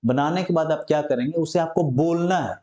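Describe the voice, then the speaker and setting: A man teaches English words to his viewers, explaining each one patiently and checking in with "understood?" as he goes. His voice sits a little high but sounds mellow. The room around him is roomy and echoey. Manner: explains each word slowly, often asks "understood?". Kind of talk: Hindi-language English vocabulary lesson.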